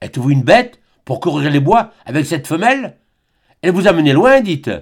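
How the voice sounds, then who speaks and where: A man's voice: a little high, expressive, normal speed, pitched above the performer's own voice. A man voicing a zealous, furious friar who condemns in a thundering voice. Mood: raging.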